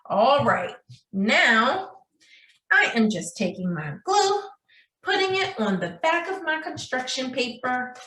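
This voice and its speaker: A preschool teacher with a high-pitched, very animated, sharp-toned voice takes it slowly while demonstrating a craft for young children. Her sing-song style treats them as friends with frequent check-ins, and the far-off mic catches a roomy echo.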